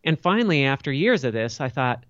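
A man's voice: medium pitch, sing-song, brisk, fairly bright tone, dry recording, muffled recording. A middle-aged man, an entrepreneur guest on a podcast, telling his story candidly and reflectively, picking up energy when he makes a point. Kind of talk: candid storytelling interview answers.

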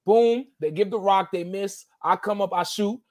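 A grown man on a podcast telling an animated, slangy story, acting out the other people's lines in it. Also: sits high, moderate pace. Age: adult.

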